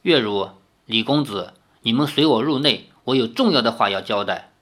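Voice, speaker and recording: A man voicing a stern aging martial arts leader who talks gravely and sighs heavily. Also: medium pitch, lively intonation, normal speed, fairly bright tone, voice pushed down. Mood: weary. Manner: heavy sighing, grave.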